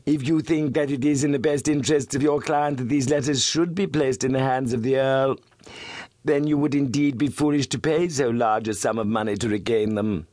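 Man reading as a silky, purring, self-satisfied villain, pitched up, for an audiobook; dry sound. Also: steady tone, moderate pace, darkish tone, no room sound, close to an everyday voice. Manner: smooth, suave, purring. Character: smooth, suave middle-aged male blackmailer, complacent.

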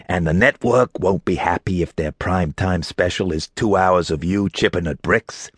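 A man's voice: low-pitched, a bit bright, husky, no room sound, clean studio sound, heavily acted. A man voicing a haughty, contemptuous middle-aged archaeologist with a nasal New England accent. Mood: frustrated.

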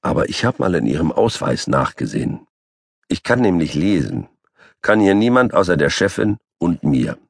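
A man's voice: low-pitched, very animated, moderate pace, creaky, husky, dry recording, clean studio sound. A man narrating a children's audiobook as a boastful, grumpy three-legged tomcat. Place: recording studio. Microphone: close studio mic.

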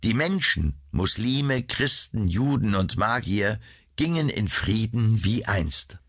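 A man narrating an audiobook of classic tales in a measured, deliberate reading. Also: lowish voice, animated, fairly bright tone. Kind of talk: scripted narration.

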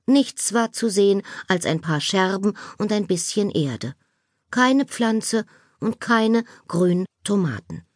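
A woman narrating a children's audiobook with slow, expressive reading. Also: mid-range voice, dry recording, clean studio sound.

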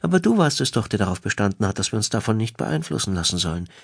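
A playful wife who needles her husband affectionately, her voice set high and lively, as a deep-voiced male reader puts her on. She swings easily between teasing and concern, in a dry, close audiobook sound. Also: fast talker, creaky, husky, no echo, full character voice. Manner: playful, needling, then caring. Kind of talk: audiobook dialogue.

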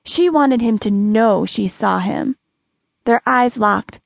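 A woman narrating an audiobook with measured, dramatic storytelling, recorded close to the mic. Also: on the high side, gravelly, no room sound.

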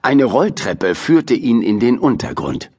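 A man narrating a children's audiobook with expressive, playful storytelling. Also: mid-range voice, measured pace.

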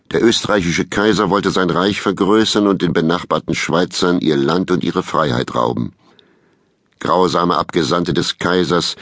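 A man calmly narrating a children's storybook in a measured way. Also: deep voice, no room sound, clean studio sound. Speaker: audiobook narrator.

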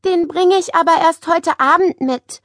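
Woman voicing eager little schoolgirl, earnest, very high, children's storybook. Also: a little slow, fairly bright tone, no echo, clean studio sound. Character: earnest young schoolgirl heroine.

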